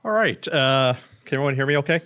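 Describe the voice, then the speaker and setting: A man who works as an oncologist talks fast and smoothly, medium in pitch with lively intonation, during an informal public slide presentation. He uses a stage microphone in a conference room, keeps things plain-spoken, and says his voice is loud.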